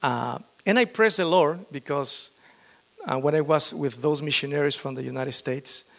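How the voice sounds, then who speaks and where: Middle-aged pastor, fairly high for a man, halting, full of restarts. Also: gravelly, fairly bright tone. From Peru. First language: Spanish. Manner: halting, with frequent fillers and restarts. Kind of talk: testimony sermon.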